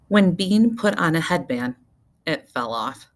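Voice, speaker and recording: A low-voiced woman narrates a children's book the way a teacher reads aloud to young listeners. Her delivery is animated and expressive, and she deliberately emphasizes key words.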